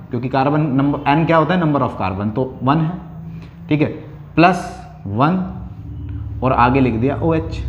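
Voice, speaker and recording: A man's voice: a little high, a little mellow, muffled recording, a little hiss or hum. Man lecturing in an echoey room. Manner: explains step by step, asks himself questions and answers them; slows down to dictate key lines. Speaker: chemistry teacher. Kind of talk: classroom lecture.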